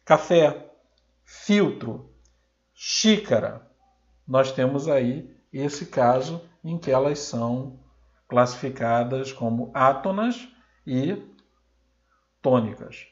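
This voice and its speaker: A Brazilian Portuguese man teaching a recorded grammar lesson, sounding out example words slowly and loudly. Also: medium pitch, dull audio.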